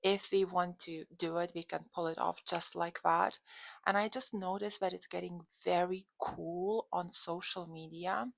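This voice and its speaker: A Lithuanian dating and relationship coach hosts her channel, speaking casually to camera in an emphatic, conversational style with a Lithuanian accent. Her lowish, gravelly voice is steady and a little slow, captured in a dry recording with poor audio.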